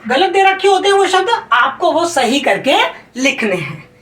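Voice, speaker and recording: High-voiced woman teaching Hindi grammar. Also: big pitch swings, moderate pace, fairly bright tone. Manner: emphatic, repeats rules, checks with "clear?"; calls students "beta". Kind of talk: exam-prep lesson. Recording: roomy sound from a distance.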